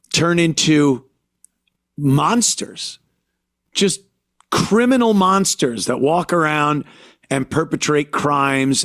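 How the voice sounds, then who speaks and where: A man from the United States hosting a podcast, talking alone in an indignant rant full of halting restarts. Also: medium pitch, creaky, a bit bright, no echo, clean studio sound. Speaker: podcast host. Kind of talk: podcast monologue.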